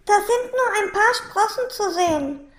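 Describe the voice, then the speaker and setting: A woman voicing an eager, proud young boy who calls out excitedly. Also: very high voice, measured pace, voice pushed up. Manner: excited calling out. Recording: roomy echo.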